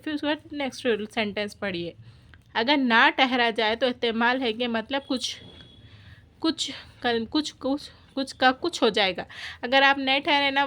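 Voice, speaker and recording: A woman explaining Quran reading marks in a casual lesson, slowly repeating and restarting her words. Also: fairly high pitch, fairly bright tone.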